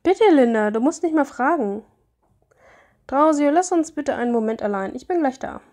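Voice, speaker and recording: A woman voicing an excited young bride who greets her old friend, reading the lines aloud with a raised, gushing delivery. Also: sits high, normal speed. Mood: friendly.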